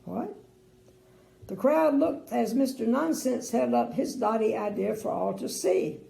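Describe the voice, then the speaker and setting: An older woman, a sweet grandmotherly storyteller with a creaky voice, reads a bedtime story expressively and adds chatty asides. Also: fairly high pitch, unhurried, mellow. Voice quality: creaky, gravelly. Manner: sweet old lady, grandmotherly. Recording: roomy indoor echo.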